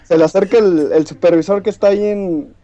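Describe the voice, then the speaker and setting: Mexican male caller heard over a call line, high voice, dry and close, chatty and quick to laugh. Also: dark tone, no echo. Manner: chatty, laughs often, many restarts and fillers. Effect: heard over an internet call line. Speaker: caller to a podcast. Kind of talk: casual chat, telling an anecdote. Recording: dull, dry internet call audio.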